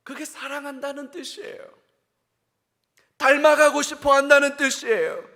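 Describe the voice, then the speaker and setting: Pastor, man, bright forceful tone, preaches straight to his congregation with questions. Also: very high-pitched, steady tone, normal speed. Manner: swings between loud emphatic bursts and hushed, whispered asides; addresses the congregation directly with questions. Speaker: senior pastor. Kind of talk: sermon.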